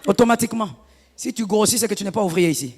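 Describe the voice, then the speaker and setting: A woman pastor delivering an animated sermon, her preaching rising to shouts. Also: medium pitch, fast talker, long reverb tail, a faint crowd.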